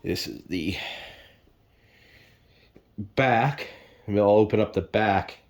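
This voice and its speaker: This product reviewer's lowish voice moves at a slow pace. He rambles casually through an unboxing, hesitant and thinking aloud with filler words. As he moves about his home, he occasionally strays from the camera's mic.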